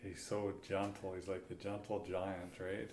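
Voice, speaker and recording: A man's voice: low voice, little pitch movement, measured pace, darkish tone. A man, a teacher, interviewing in a friendly, chatty way with tag questions. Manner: friendly, chatty, uses "eh" and "right". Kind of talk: oral history interview. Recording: echoey room, faint hiss.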